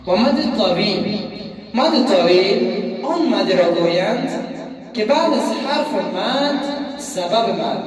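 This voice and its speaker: A man teaching a tajweed lesson, chanting the example words slowly and melodically. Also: high voice, lively intonation. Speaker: Quran recitation teacher. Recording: echoey hall, voice from far off, crowd noise.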